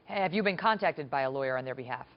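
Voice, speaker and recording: A woman's voice: rumbling low, lively intonation, fast, dull audio. A woman as a news anchor in a live TV interview, pressing her guest with persistent questions.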